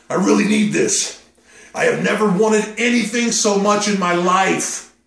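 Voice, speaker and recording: A man's voice: sits high, creaky, fairly bright tone, full character voice. An actor playing a man nervously pleading and bargaining with God. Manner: pleading, rambling, nervous joking. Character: desperate young man bargaining with God over a game. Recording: echoey, mic at a distance.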